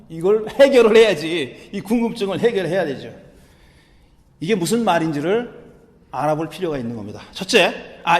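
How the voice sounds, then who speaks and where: Brief: a male pastor with a high voice, chatty and animated, recorded with long church reverb. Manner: conversational, animated, acts out the quotes in character. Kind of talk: sermon.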